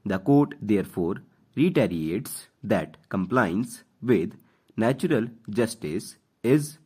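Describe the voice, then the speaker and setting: An Indian-accented man reads formal text as slow dictation for shorthand practice. His voice is low and rough-edged, and his pitch moves up and down noticeably as he delivers short, deliberate phrases with spoken punctuation. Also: a little mellow. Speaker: dictation instructor reading for stenography practice. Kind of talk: slow school dictation, reading legal text aloud.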